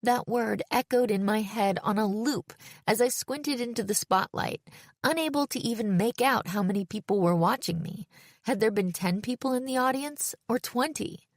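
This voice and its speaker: A woman's voice: a little high, normal speed, dry recording. A woman narrating a first-person audiobook in a wry, self-aware storytelling manner, close to the mic.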